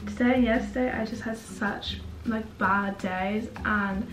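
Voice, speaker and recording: A woman's voice: mid-range voice, fairly even intonation, measured pace, a little hiss or hum. A young woman vlogger chatting casually to camera, slightly congested and sick with a sore throat from swollen tonsils. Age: young adult. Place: indoors in a bedroom. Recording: roomy, distant mic.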